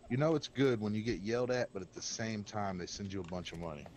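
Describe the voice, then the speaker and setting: A man's voice: fairly low pitch, expressive, quick pace, darkish tone, a little hiss or hum. A man chatting bluntly and rambling on a gaming stream, talking with a cigarette in his mouth. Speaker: game server co-host. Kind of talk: casual gaming stream chat. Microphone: desk microphone by keyboard.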